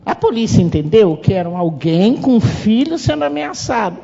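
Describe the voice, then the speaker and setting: Brazilian woman, middle-aged, husky and gravelly, animated speaker at a parents' meeting, long hall reverb, muffled. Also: medium pitch, moderate pace. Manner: lively storytelling, acting out quoted dialogue. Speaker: mother and parent-association speaker. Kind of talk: public talk at a family meeting. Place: conference hall. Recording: reverberant hall, dull lo-fi sound.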